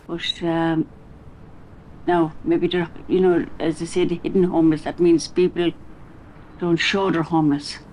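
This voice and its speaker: High-voiced west of Ireland man, middle-aged. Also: little pitch movement, a little slow, a little mellow, slight background noise, rough recording. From Ballinasloe, west of Ireland. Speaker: documentary interviewee. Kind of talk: candid personal account.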